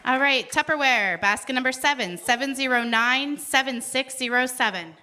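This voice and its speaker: A woman's voice: sits high, normal speed, sharp tone, a little hiss or hum. A woman calling out raffle ticket numbers at a live event, with playful, chatty asides between the numbers. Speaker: raffle caller at a celebration event.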